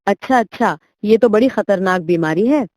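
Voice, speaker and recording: A woman's voice: mid-range voice, animated, moderate pace, a little mellow, no echo, studio quality, natural voice. A woman voicing a silly male donkey doctor who hands out odd advice with cheerful confidence, in a cartoon story. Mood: confident.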